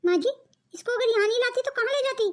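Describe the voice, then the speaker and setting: A woman's voice: very high-pitched, quick pace. A woman voicing a wronged young wife who pleads with her husband in a cartoon. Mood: pleading. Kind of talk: cartoon voice acting.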